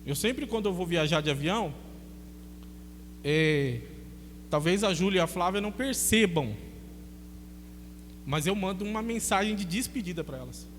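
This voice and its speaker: A Brazilian man preaching as a pastor, telling a personal story in a chatty, animated way and acting out the dialogue. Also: sits high, normal speed, pauses often, in a large hall, a little hiss or hum. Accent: Brazilian Portuguese. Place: church.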